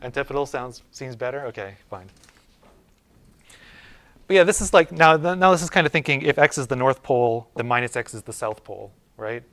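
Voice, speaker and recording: A man teaching a university math class, talking it through informally as he goes. His voice sits in a middle pitch, and he restarts and checks in with the room often. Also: fairly quick, fairly bright tone. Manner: informal, thinking aloud with many fillers and restarts. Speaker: university lecturer. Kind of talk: casual classroom lecture. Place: lecture room.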